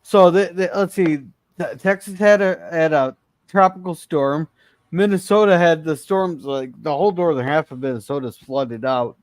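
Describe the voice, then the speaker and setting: A man's voice: fairly high pitch, moderate pace, dry recording. A man co-hosting a live-streamed classic TV review show, chatting casually with frequent restarts and fillers.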